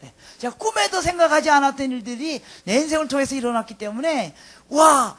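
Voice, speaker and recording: A pastor in his fifties preaching a sermon, swinging from loud emphatic lines to soft, quiet asides. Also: very high-pitched, animated, fast talker. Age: 50s.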